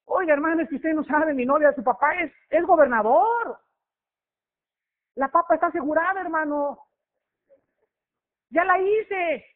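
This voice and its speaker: Smug, bragging young guy voiced by a preacher, pushed high, thin radio sound. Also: a little slow, long pauses. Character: cocky young man boasting about his rich girlfriend. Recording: tinny phone-like radio sound.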